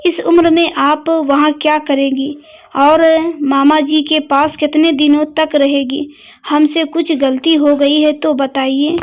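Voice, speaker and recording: A woman's voice: high-pitched, little pitch movement, takes it slowly. A woman reading as a polite young daughter-in-law. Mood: pleading.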